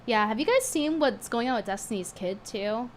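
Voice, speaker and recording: This streamer's voice is on the high side and animated, at a moderate pace, though strained from a cold. In her casual livestream chat she's blunt, scornful and talkative, reading tips aloud to viewers. Slight background noise is present.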